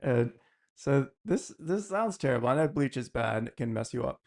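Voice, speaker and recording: A man in a relaxed podcast conversation, mid-pitched and easygoing. He laughs easily and tells rambling personal stories. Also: normal speed, vocal fry. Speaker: podcast host. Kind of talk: casual chat.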